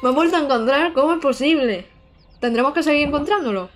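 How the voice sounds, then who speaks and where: A young woman, chatting excitedly and casually while she streams a video game. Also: high-pitched, quick pace, faint music behind. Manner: excitable, chatty, with frequent squeals and giggles. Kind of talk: casual live-stream gameplay chat.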